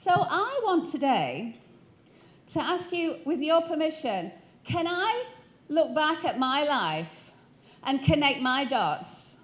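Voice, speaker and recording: A woman's voice: high voice, big pitch swings, slow. A woman in her fifties from Sheffield, giving a keynote talk on stage into a handheld mic and quizzing the audience with questions. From Sheffield, northern England. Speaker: motivational speaker. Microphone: handheld microphone.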